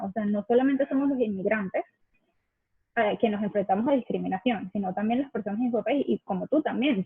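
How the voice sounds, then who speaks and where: A young woman talks in a casual, thoughtful way, pausing often as she looks for the right words. Her voice is slightly breathy and sits a bit high. It comes through a thin, tinny video call with a dry, close sound. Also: no echo. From Venezuela. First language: Spanish. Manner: thoughtful, hesitant, searching for words. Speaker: guest sharing immigrant experience.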